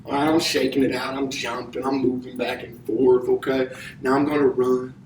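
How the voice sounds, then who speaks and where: A man's voice: medium pitch, level tone, moderate pace, a little mellow. A young man teaching children exercise like a kids show host, with simple repeated cues and questions while moving about. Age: young adult. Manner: physically active while talking. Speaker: elementary P.E. teacher. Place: indoor classroom. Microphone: distant camera microphone. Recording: roomy, distant mic, faint noise.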